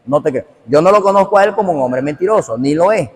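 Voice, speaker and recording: A male pastor delivers a fervent sermon, repeating his key phrases and turning to his hearers by name. His voice sits slightly high for a man. The recording trails off in a long, echoing hall reverb. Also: expressive, quick pace, a little mellow. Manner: emphatic and repetitive, addressing listeners directly. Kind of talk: preached sermon.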